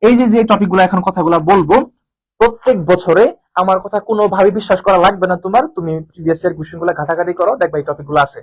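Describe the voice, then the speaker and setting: A Bangladeshi Bengali-accented male tutor with a high voice gives an informal exam-prep lecture. He talks fast, repeats key terms and keeps asking his students rhetorical questions. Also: rough recording. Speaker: admission coaching tutor.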